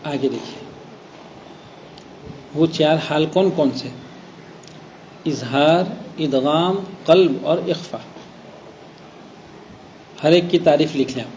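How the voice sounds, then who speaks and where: Man, recitation teacher, classroom lesson, drawn-out example words, dull recording, faint hiss. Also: on the high side, a little mellow. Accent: Gujarat Urdu. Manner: explains slowly, stretches example words, checks understanding.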